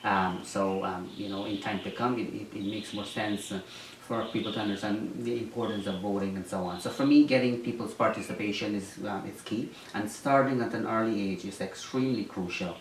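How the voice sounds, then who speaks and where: A man's voice: on the low side, fairly even intonation, fairly quick. A man from Guyana answering interview questions, speaking hesitantly with many ums and restarts. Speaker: interviewee, former mayoral candidate. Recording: roomy echo, distant mic, faint noise.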